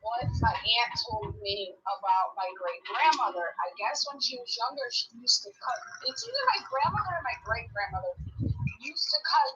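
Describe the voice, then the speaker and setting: A woman's voice: fairly high pitch, big pitch swings, normal speed, pushed and bright, slight background noise. A woman chatting casually, with informal, exclamatory reactions. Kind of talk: casual chat. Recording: dull lo-fi room recording.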